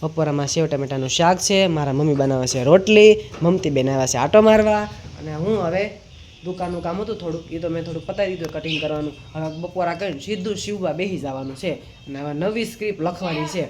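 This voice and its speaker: A man's voice: on the high side, fast, a little mellow, a little hiss or hum. A man with a Kathiawadi Gujarati accent, chatting casually through a family vlog, filming on a handheld phone. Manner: chatty, teasing a small child. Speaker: vlogger.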